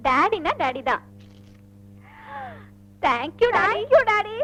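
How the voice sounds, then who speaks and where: An actress playing a spirited young daughter with a wheedling, cheeky manner, in 1980s film dialogue. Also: female voice, very high voice, big pitch swings, extremely slow, fairly bright tone, full character voice. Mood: sulky.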